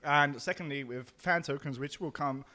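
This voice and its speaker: A man's voice: fairly high pitch, normal speed, bright, forceful tone. A man co-hosting a casual chat show while eating hot peppers, his mouth burning from the spice, talking hesitantly with many ums and repeated words. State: mouth burning from spicy food. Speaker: co-host.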